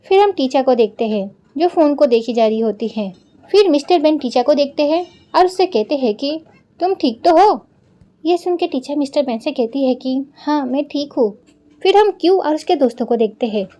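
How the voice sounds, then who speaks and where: High-voiced woman retelling a drama. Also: warm tone. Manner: chatty, retells every line of dialogue and adds asides to viewers. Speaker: drama recap narrator. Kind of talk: casual storytelling recap.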